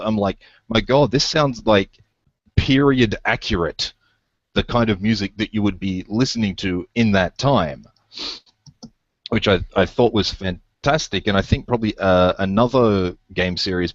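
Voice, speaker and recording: Low-voiced man, dry lo-fi sound. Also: dry recording. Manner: enthusiastic, rambling recommendations. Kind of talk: casual podcast chat.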